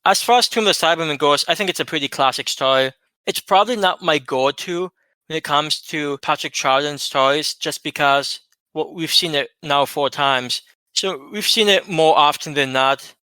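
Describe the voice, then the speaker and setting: Clear, measured male co-host. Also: a little high, bright, forceful tone, dry recording. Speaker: podcast co-host. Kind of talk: casual chat.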